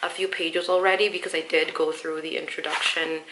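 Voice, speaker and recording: Against a noisy background, a young woman talks books in a casual vlog, her voice low-pitched, level in tone, and brisk. The flu leaves her nasal and stuffed up, yet she stays chatty, explaining every pick one step at a time.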